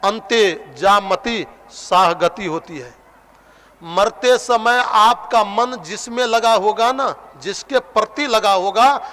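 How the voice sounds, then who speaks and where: A man's voice: high-pitched, fairly bright tone, a little hiss or hum. A man preaching a devotional sermon from eastern India, telling a story and acting out its voices, with a few sung phrases. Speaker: katha preacher. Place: outdoor religious gathering with sound system.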